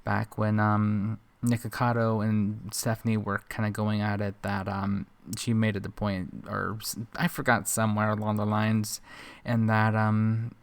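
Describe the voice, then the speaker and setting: A man's voice: fairly low pitch, completely flat delivery, unhurried, creaky, smooth. Sarcastic man reacting with teasing jabs. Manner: sarcastic, teasing, laughs often. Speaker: reaction commentator. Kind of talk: casual reaction commentary.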